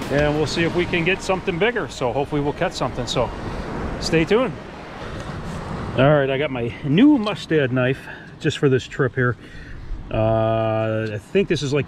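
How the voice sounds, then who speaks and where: A middle-aged man narrating a casual fishing vlog on the beach, upbeat and enthusiastic as he talks to the camera. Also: medium pitch. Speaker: fishing vlogger. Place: sandy beach outdoors by the surf. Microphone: action camera, head-mounted. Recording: action camera outdoors with clear surf noise.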